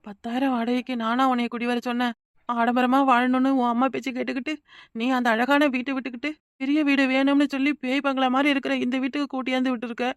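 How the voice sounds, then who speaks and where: Fast-talking Kanyakumari young wife. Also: female voice, high voice, no room sound, clean studio sound. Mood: indignant. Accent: Kanyakumari Tamil. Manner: rapid, insistent, pleading. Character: frightened young village wife. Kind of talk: cartoon voice acting.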